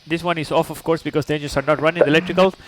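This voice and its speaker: This Chilean man streams a flight simulator live in English, his voice on the high side with fairly even intonation and a racing pace. Patient with every step, he keeps asking "okay?" and chats casually with the people watching.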